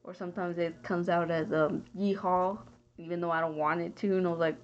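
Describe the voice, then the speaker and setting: A woman's voice: on the low side, flat delivery, fast. A young woman from Texas giving a casual, rambling spoken answer for a class, often hunting for words and trailing off. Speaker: student. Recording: dull lo-fi home recording.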